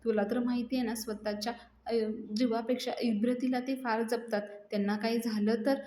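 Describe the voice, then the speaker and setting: A woman's voice: fairly high pitch, steady tone, brisk, mellow, lightly acted. A woman voicing an anxious middle-aged mother, asking fretful, pleading questions, in an echoey room. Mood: worried.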